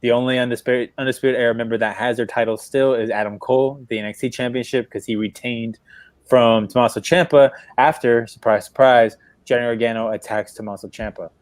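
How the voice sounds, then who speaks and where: A man chatting about wrestling on a livestream, retelling scenes with plenty of energy and breaking into laughs. His voice sits at an ordinary pitch for a man. The sound is close and dry, with no room echo. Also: brisk. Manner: animated storytelling, laughs while retelling. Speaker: podcast co-host. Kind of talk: casual wrestling chat.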